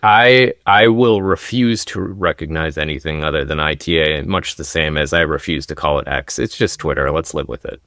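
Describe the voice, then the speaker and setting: Low-voiced enthusiastic man explaining travel deals. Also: normal speed, hardly any pauses, a bit bright, no echo, studio quality. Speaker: travel deals expert guest. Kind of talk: podcast conversation. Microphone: podcast microphone.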